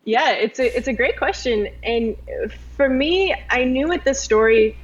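A woman from Tennessee, a filmmaker on a panel, speaking earnestly and in a measured way. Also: high voice, expressive. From Tennessee, USA. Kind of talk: panel discussion answer. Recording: slightly dull lo-fi audio.

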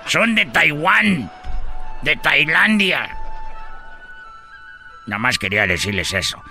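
A man voicing a joking Chinese character in a radio comedy sketch, breaking into sudden high shouts. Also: very animated, slow pace, faint music behind, heavily acted.

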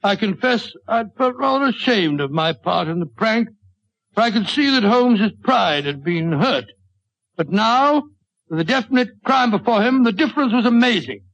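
An actor playing a genial, slightly bumbling English doctor in 1940s radio style, blustery and chummy with a British accent. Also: male voice, high voice, a bit bright, no room sound, exaggerated voice. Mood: genial storytelling. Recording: dull old radio recording.

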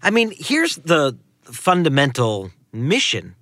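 A political director co-hosting a news podcast offers emphatic, conversational analysis, repeating key phrases for weight. His voice sits on the high side, with huge pitch swings, a slow pace, and a bright, forceful tone. The studio-quality recording has no room sound.

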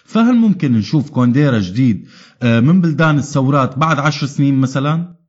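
A man interviewing, putting a prepared question in a measured way with filler sounds. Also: medium pitch, expressive, darkish tone. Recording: dull lo-fi sound.

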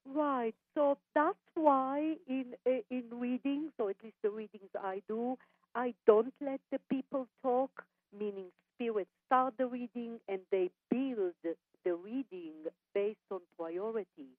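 A woman psychic medium heard over a phone line on a radio show, calling listeners darling and honey and pausing on fillers. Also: fairly high pitch, dry recording. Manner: calls people darling and honey, halting with fillers. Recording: tinny dry phone line.

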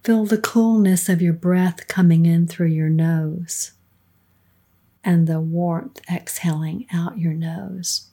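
A middle-aged woman with a soft, soothing, breathy voice, leading a guided meditation in a calm, unhurried manner with hushed phrase endings. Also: lowish voice. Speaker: guided meditation leader, podcast co-host.

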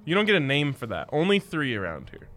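Playful, slightly high male podcast co-host. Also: wildly swooping pitch, fast talker, a bit bright. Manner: wisecracking, playful. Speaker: sports betting podcast co-host. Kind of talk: casual banter.

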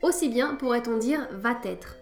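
A woman's voice: fairly high pitch, moderate pace, faint music behind. A woman hosting a scripted podcast lesson, with a wry, playful teacher's tone. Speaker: podcast host.

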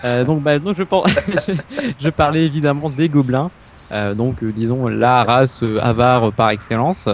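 A man's voice: medium pitch, steady tone, moderate pace, a little hiss or hum. Hesitant man co-hosting a podcast. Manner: hesitant, many fillers. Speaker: podcast co-host. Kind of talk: casual chat.

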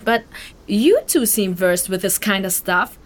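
With a natural, animated mid-range voice, an actress plays a stubborn, guilt-stricken young refugee in a fantasy audio drama. She speaks in a halting, emotional, earnest way, sounding determined.

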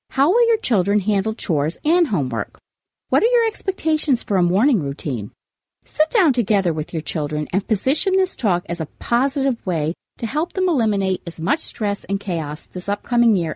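A woman's voice: mid-range voice, huge pitch swings, moderate pace, a little mellow, dry recording, clean studio sound. A woman hosting a scripted parenting advice show in an upbeat, tidy, advice-vlogger manner, setting out tips with emphasis. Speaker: podcast host giving parenting tips.

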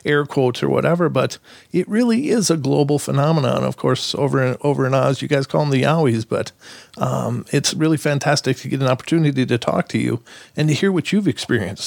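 A man's voice: mid-range voice, vocal fry, darkish tone, no echo. A man hosting a podcast in a chatty, informal and encouraging way. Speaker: podcast host and interviewer.

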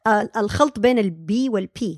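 A young woman talks quickly and explains her field as a guest, with fillers and restarts and English terms mixed in. The sound is dry and close. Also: on the high side, no echo. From Saudi Arabia. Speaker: speech-language pathologist guest. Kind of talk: casual podcast interview.

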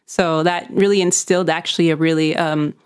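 A woman's voice: low-pitched, steady tone, fairly quick, smooth. A young woman from Mexico City, co-hosting a podcast and telling stories about herself in a casual interview chat, often laughing at herself. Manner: laughing, self-deprecating storytelling. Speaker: podcast co-host, guest.

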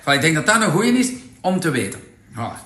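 Chatty Flemish man pitching products. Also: very animated, fast talker, pushed and bright, roomy sound. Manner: chatty and persuasive, peppered with tag questions. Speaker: product presenter. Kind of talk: casual sales pitch.

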